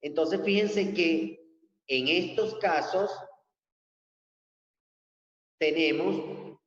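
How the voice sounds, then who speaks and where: Slow, deliberate male teacher in echoey room. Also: fairly high pitch. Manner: slow, deliberate explaining, addressing students. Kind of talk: recorded classroom lesson. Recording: echoey lo-fi room sound with long reverb.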